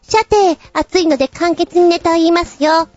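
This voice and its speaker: A woman's voice: extremely high pitch, normal speed, darkish tone, muffled recording, faint music behind, voice pushed up. A woman voicing a cutesy baby boy who lisps in babyish baby talk.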